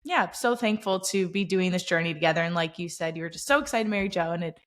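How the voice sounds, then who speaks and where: A woman's voice: fairly low pitch, fast talker. A young woman co-hosting a casual podcast chat, enthusiastic and giggly as she talks. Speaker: podcast co-host.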